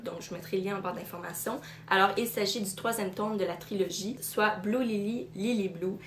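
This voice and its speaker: A woman's voice: mid-range voice, slight background noise. Chatty Québécois woman in an echoey room. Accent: Québécois French. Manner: chatty, many fillers and self-corrections. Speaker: book vlogger. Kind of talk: casual book haul chat. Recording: roomy echo in a room.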